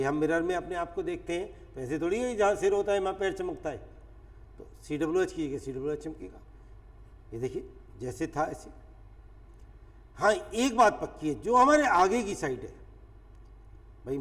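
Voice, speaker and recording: A man teaching chemistry in a lecture, explaining step by step with everyday examples. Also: fairly high pitch. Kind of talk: classroom lecture. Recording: echoey classroom, voice from a distance.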